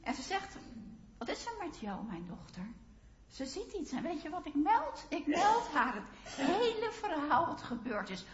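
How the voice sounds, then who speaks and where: A woman's voice: high voice, very animated, a little slow, slight background noise, pitched above the performer's own voice. Ruth, a young widow telling her story, as a woman preacher plays her. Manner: intimate storytelling in first person. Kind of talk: first-person sermon monologue. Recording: roomy, slightly dull sound.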